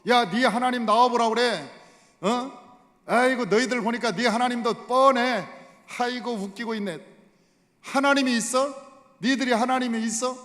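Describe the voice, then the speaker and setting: A man acting out a boastful giant warrior who hurls mocking taunts. The voice sits high and carries loud scorn. It rings with the long reverb of a church hall. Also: moderate pace. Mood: jeering. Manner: mocking, jeering shouts.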